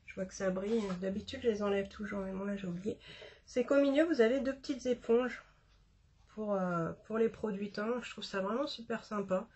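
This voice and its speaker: A woman's voice: medium pitch, normal speed, a little mellow, slightly rough. A woman chatting casually about a makeup haul, with many fillers and restarts. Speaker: beauty vlogger.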